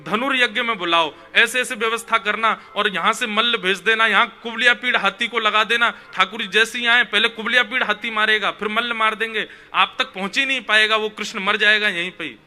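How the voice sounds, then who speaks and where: A man telling a devotional story in a lively, animated way, putting on the voices of the figures in it. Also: high-pitched, brisk, few pauses. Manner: animated, voices the figures in his tale, chuckles.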